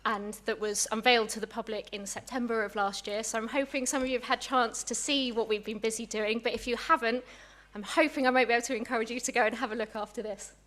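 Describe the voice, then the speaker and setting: A woman's voice: on the high side, steady tone, fast, few pauses. A young woman, a museum curator, giving a public lecture in a chatty, friendly way, a little out of breath. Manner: warm, chatty, apologetic asides. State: slightly out of breath.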